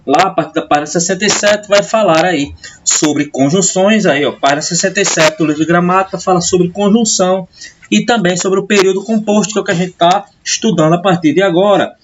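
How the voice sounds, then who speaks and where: A man's voice: high voice, a little fast, dull audio, noisy background. A teacher with a Brazilian Portuguese accent giving a classroom grammar lesson over slides. He keeps checking in with the class and answers his own questions. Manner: checks in constantly with "tá?" and "né?"; asks questions then answers them himself.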